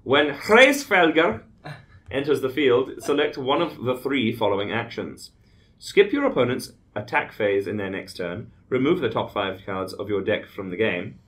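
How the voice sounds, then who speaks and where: A man's voice: on the low side, expressive, normal speed. A man co-hosting a casual gaming podcast, joking and reading card text aloud. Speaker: podcast co-host. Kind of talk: casual chat about card games.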